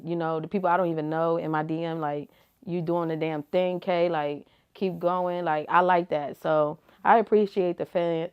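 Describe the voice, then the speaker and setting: A woman's voice: lowish voice, smooth, muffled recording. A young woman giving casual, slangy answers as an interview guest, laid-back and full of "like" and "you feel me". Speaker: rapper and reality TV personality, guest.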